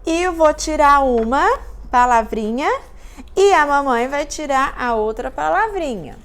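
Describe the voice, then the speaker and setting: A woman teacher giving a children's lesson recap, talking slowly in a sing-song way and spelling words out syllable by syllable for small children. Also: high voice, animated, a bit bright.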